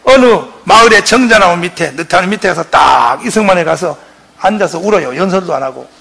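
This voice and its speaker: Brief: impassioned man, a pastor, with a bright, gravelly, forceful voice and a combative lecture style. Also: high voice, expressive, a little fast. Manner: fiery, shouting, rhetorical questions to the crowd. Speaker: pastor giving a patriotic lecture.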